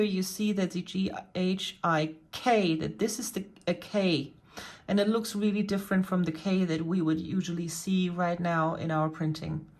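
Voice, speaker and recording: A woman vlogger patiently explaining and pointing things out in a casual show-and-tell about her cross-stitch hobby. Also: medium pitch.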